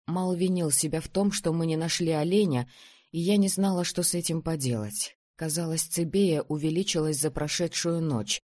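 A narrator reading a first-person novel aloud in a calm, steady storytelling manner. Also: medium pitch. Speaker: audiobook narrator.

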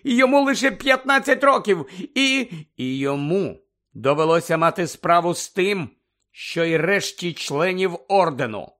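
A man voicing a worried, strict middle-aged mother who nearly shouts in her arguments. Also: lively intonation, measured pace. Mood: agitated. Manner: shrill, pleading, nearly shouting.

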